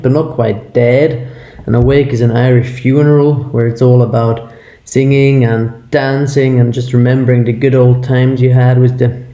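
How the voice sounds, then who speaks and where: A man's voice: medium pitch, warm tone. A man playing a teacher in a homemade drama, earnest and quoting literature aloud. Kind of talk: amateur video drama. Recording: echoey room.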